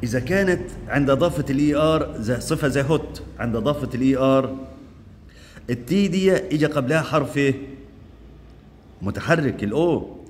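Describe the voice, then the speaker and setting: A man teaching English grammar in Egyptian Arabic. He asks quick questions and answers them himself, and he drills the word forms aloud. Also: mid-range voice, expressive, long reverb tail, slight background noise. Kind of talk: classroom grammar lesson.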